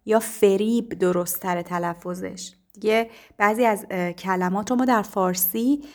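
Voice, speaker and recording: A woman teacher explaining poetry to her students, speaking patiently with frequent pauses and fillers. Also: medium pitch, darkish tone. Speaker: literature teacher.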